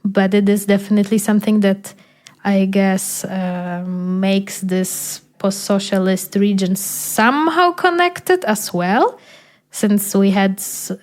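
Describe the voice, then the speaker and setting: A young Polish woman, a native Polish speaker, hosts a podcast in casual conversation. Her medium-pitched voice stays in a middle range with fairly even intonation, and she pauses to search for words, using gentle fillers as she reflects.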